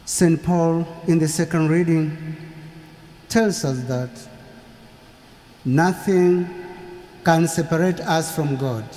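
A middle-aged priest gives a funeral homily into a lectern microphone, preaching in a slow, measured way with long pauses between phrases. His fairly high voice is mellow and soft-edged. Recorded from far off, it rings through a large cathedral with a long, lingering reverb.

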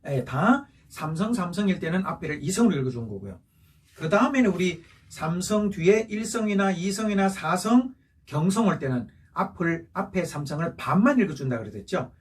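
A man's voice: sits high, animated, normal speed, slightly rough, distant mic. A male teacher giving a patient recorded lesson, going over each point again and checking in with rising questions. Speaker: Chinese language teacher. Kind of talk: recorded classroom lesson for seniors.

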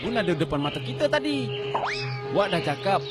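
A man's voice: sits high, sing-song, brisk. A man playing a bossy, fretful older village uncle in a voice drama, speaking with a tinge and scolding often. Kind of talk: amateur voice drama. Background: music.

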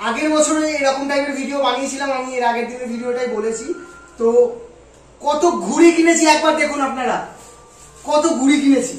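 A man vlogging in a loud, eager voice, with his words booming in a heavy room echo. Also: a little fast. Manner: talks very loudly, eager and excited. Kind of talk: casual vlog talk to camera. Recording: very echoey room, voice from a distance.

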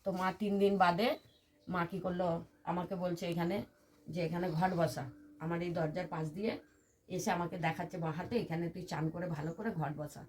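An older woman from West Bengal, India, a temple devotee, tells her personal story in an interview, recounting it earnestly and in detail with many reported quotes. Her voice is lowish and steady, fairly quick and a little mellow, with slight background noise.

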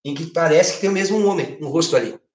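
A man's voice: on the high side, quick pace, roomy sound. A middle-aged man with a Brazilian Portuguese accent teaching an online literature lesson from home. He talks animatedly, gestures as he goes and keeps checking in with tag questions. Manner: lively, gesturing, asks frequent tag questions. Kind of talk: online exam-prep lesson. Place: home living room with a projected screen.

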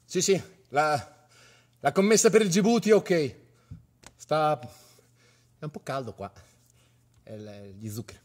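A man reacting excitedly to a film trailer in a comic sketch, exclaiming and swearing. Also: fairly high pitch, a little slow, long pauses. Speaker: comedy host. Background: trailer music.

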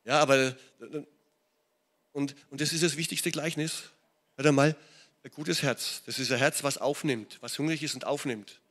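Middle-aged pastor with a German accent, slightly high voice, animated sermon delivery. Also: male voice, normal speed. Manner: animated preaching, often checks in with "ne?" and "ja?". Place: church hall.

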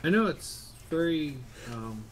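A man's voice: fairly high pitch, big pitch swings, takes it slowly. Man muttering through a frozen video call. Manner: mildly frustrated, swears now and then. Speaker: streamer. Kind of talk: casual live-stream chat.

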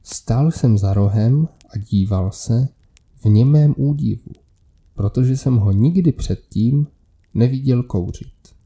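A man reading a scripted horror story aloud in a measured, steady manner. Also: mid-range voice. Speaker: narrator.

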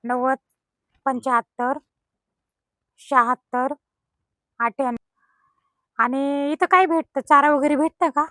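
A woman's voice: high-pitched, steady tone, measured pace, long pauses, sharp tone, no echo. A middle-aged woman, vlogging casually from an outdoor cow shelter and coaxing the cows in a sing-song voice. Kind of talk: casual vlog narration.

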